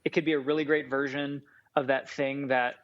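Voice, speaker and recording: Heard in dull lo-fi sound, this podcast guest, a food scientist and chef who grew up with Farsi, speaks briskly at medium pitch. His talk is loose and animated, wandering with frequent fillers.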